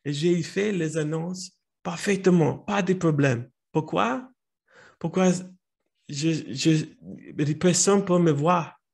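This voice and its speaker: A man with an American English accent speaks slowly and haltingly, often stopping to search for a word and restarting his phrases. His voice sits a little high for a man, and he tells his story in an unhurried, personal way. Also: vocal fry, a little mellow, breathy edge. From United States. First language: Italian. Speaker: speaker at a language club meeting. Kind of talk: personal storytelling in a learned language.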